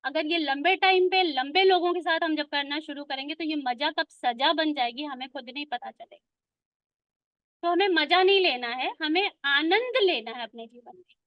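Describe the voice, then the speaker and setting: A woman's voice: high voice, normal speed, dry recording, muffled recording. A woman giving a conversational spiritual talk, explaining ideas patiently and mixing English words into her speech. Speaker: spiritual speaker.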